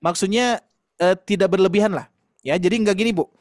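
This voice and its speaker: A man's voice: sits high, fairly quick, darkish tone, dry recording, studio quality. A man teaching Quran recitation in an online class, explaining patiently and demonstrating sounds with light laughs.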